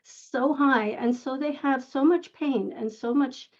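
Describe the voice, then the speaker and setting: A woman's voice: sits high, slow pace, a little mellow, lo-fi sound. A woman in her fifties from Israel, an audience member asking an earnest, rambling question over a video call.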